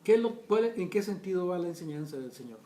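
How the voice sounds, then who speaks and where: High-voiced man teaching scripture in an echoey room. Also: animated, fast talker, dark tone. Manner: reads scripture aloud and breaks off to explain, addressing listeners directly. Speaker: Bible teacher. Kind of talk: verse-by-verse Bible study teaching.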